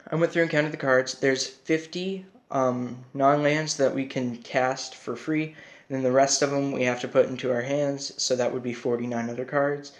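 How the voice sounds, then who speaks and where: Flat-pitched young-sounding guy with whistling S. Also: moderate pace. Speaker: trading card game hobbyist presenter. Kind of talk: casual deck tech explainer.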